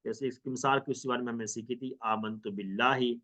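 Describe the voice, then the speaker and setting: A man's voice: medium pitch, steady tone, a little fast, a bit bright. A man teaching an Arabic grammar lesson in Hindustani, patiently drilling phrases in question and answer. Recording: dull lo-fi recording.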